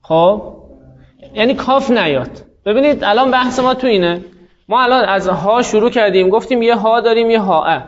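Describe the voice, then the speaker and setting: A man with a high-pitched voice teaches a grammar lesson in a patient, explanatory way, pausing to draw out example words slowly. The recording sounds dull and lo-fi, with little top end.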